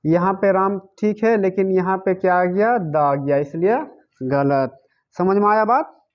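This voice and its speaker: A male teacher with a high voice gives a grammar lesson a little slowly, asking his class questions and then answering them himself while repeating key words. The recording is dull and lo-fi.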